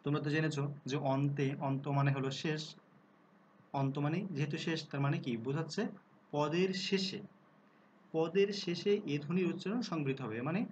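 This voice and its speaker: A man giving a recorded lesson on pronunciation, explaining rules, asking rhetorical questions and sounding out example words slowly. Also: fairly high pitch, lo-fi sound, slight background noise. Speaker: Bengali language teacher.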